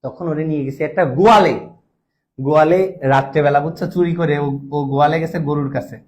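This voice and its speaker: Young man, high voice, exam-prep tutor, jokey call-and-response. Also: steady tone, fairly quick, a little mellow. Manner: playful, jokey mnemonics and call-and-response questions. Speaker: medical admission tutor. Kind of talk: online exam-prep class.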